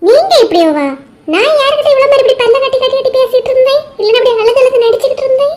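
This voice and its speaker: A woman's voice: very high-pitched, racing, a little mellow. A woman voicing a gossipy, touchy village wife in a cartoon, speaking in a Kanyakumari Tamil accent and complaining in a whiny, self-pitying way. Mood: catty. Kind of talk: cartoon voice acting.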